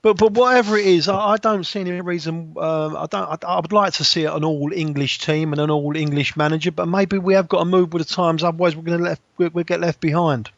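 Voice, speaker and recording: A man's voice: a little high, fairly even intonation, vocal fry, dry recording. A man co-hosting a casual football podcast, rambling and restarting his sentences often. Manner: rambling, halting with many restarts. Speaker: podcast co-host. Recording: dull lo-fi sound, dry.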